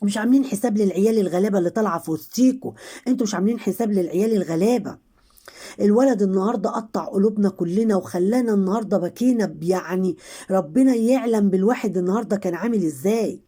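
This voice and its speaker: A woman's voice: medium pitch, very fast, mellow, slightly rough. Indignant Egyptian woman vlogger. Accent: Egyptian Arabic. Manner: indignant, scolding, talking straight to the people she criticizes. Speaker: vlogger commenting on online drama. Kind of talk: casual commentary to viewers.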